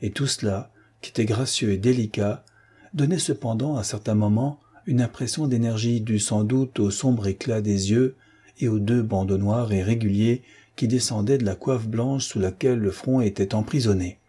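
A man narrating a classic novel as an audiobook in a measured, even reading. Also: fairly low pitch, husky.

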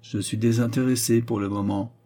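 Here the reader uses his natural voice, mid-range, steady and dark-toned at a normal pace, to portray a roughly thirty-year-old baronet in an audiobook. He raises his voice to make the scheming, mocking character sound smooth, teasing and coldly calculating.

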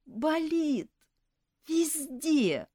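A woman's voice: sits high, expressive, very slow, dark tone, no room sound, studio quality, pitched above the performer's own voice, exaggerated voice. A woman voicing a melodramatic young male elf with a cold, whimpering, sniffling and wailing about his pain. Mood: whining. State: stuffy nose from a cold. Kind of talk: audiobook character voice.

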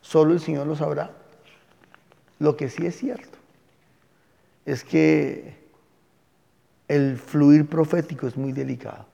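A man, a pastor teaching a Bible class and telling the stories with lively energy. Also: fairly high pitch, slow pace, gravelly, pauses often, long reverb tail. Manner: lively storytelling, addresses class as "hijos".

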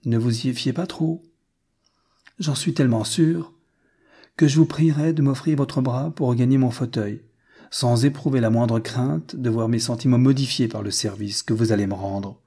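A man's voice: medium pitch, steady tone, normal speed, dark tone, slightly rough. A man reading the lines of a proud, cold old aristocratic marquise in a haughty, formal way.

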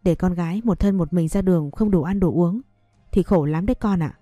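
A woman's voice: lowish voice, brisk, mellow, no room sound, studio quality, faint music behind, natural voice. A woman voicing a motherly older market vendor in an audio story, speaking with fussing affection. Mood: caring.

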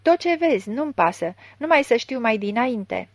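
A woman's voice: a little high, big pitch swings, no room sound. A woman reading the part of a hot-tempered, demanding boyar man in a prison camp in a story.

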